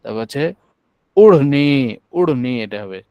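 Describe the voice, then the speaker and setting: A man with a Bangladeshi Bengali accent teaching an online class, drilling syllables slowly and patiently. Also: medium pitch, animated, smooth, no room sound, lo-fi sound.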